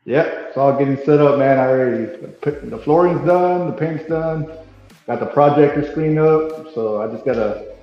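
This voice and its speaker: A man chatting casually as a podcast co-host over a video call, his voice ringing with big hall echo from a half-empty new room. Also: moderate pace. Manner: easygoing, loose and chatty. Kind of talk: casual fan chat. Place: newly painted room still being set up. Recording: booming hall echo, dull lo-fi sound, faint music.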